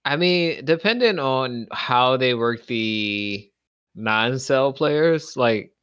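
Lively man on dull, muffled audio. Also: mid-range voice, slow, smooth, dry recording. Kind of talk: casual group chat.

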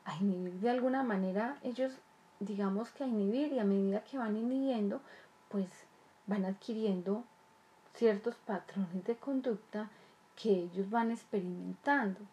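Earnest woman, mellow voice. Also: medium pitch, normal speed. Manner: repetitive, earnest, rhetorical questions. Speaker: child development speaker. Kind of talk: explanatory talk to parents.

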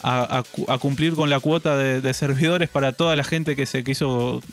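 A man chats through gaming news at a middle pitch. He sounds relaxed and hesitant and keeps repeating words as he goes. Faint music plays under his voice. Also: moderate pace. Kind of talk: casual gaming news chat.

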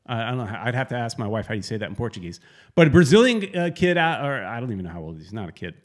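A man co-hosting a casual sports podcast, rambling and correcting himself as he talks, with sudden animated bursts. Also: medium pitch, racing. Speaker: podcast co-host.

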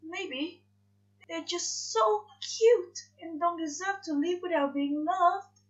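A woman voicing a fussy, gentle male angel, soft-spoken, pleading and eager. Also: extremely high pitch, slow, voice pushed up. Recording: dull lo-fi recording.

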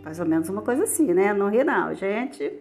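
A woman's voice: medium pitch, expressive, fast talker, darkish tone, faint music behind. A Brazilian woman teacher with a Brazilian Portuguese accent, explaining a lesson step by step in a chatty way, often checking in with her students. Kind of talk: casual recorded lesson for students.

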